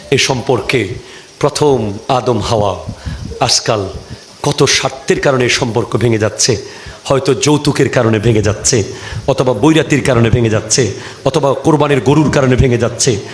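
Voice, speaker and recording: Fiery male preacher, highly animated delivery, light background hiss. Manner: fiery, rising to shouts, then slow and low. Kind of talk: sermon.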